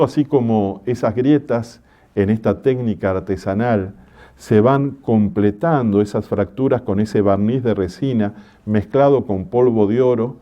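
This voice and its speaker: Gentle priest, mellow lo-fi talk. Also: male voice, mid-range voice. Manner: gentle, measured preaching with homely stories. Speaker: parish priest. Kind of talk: religious conference talk.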